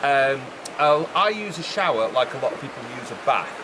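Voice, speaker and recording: Beside a fast-moving river, with its rushing noise in the recording, a middle-aged man presents his build project to camera. His mid-range voice is very animated, pitched loud to carry over the background, and his manner stays relaxed and talkative.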